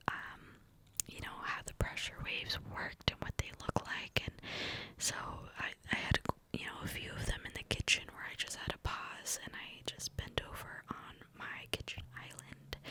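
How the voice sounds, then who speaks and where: A young adult woman telling a personal story as an ASMR ramble in a cupped-hand whisper, close to the mic, rambling and repeating words. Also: low-quality recording. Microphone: close to the mic, mouth cupped by hand.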